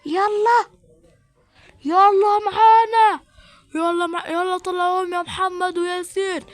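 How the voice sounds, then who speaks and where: A woman's voice: extremely high pitch, steady tone, brisk, no echo, voice pushed up. Stern Egyptian police officer, voiced by a woman, barks commands. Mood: commanding. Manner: commanding, barking orders. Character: stern male police officer making an arrest.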